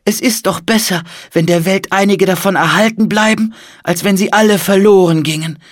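A man's voice: high-pitched, moderate pace, no echo, studio quality, pitched above the performer's own voice, close to an everyday voice. A man doing a shaky old monk. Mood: pleading. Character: trembling old male monk, kindly and insistent. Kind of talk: audiobook storytelling.

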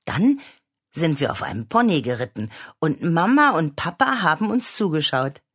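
A woman reading a children's story aloud with expressive storytelling. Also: low-pitched, normal speed, husky. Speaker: reader.

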